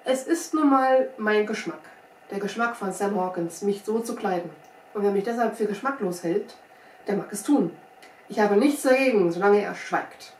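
A woman's voice: mid-range voice, moderate pace, darkish tone, natural voice. A woman voicing a sly little old male frontier scout with a folksy, wry, self-assured manner, recorded from a distance in a roomy space with faint hiss. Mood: firm.

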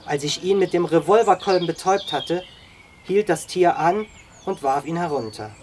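A reader voicing Shiso, a modest young scout who speaks low and quietly. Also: moderate pace, a little hiss or hum, close to an everyday voice.

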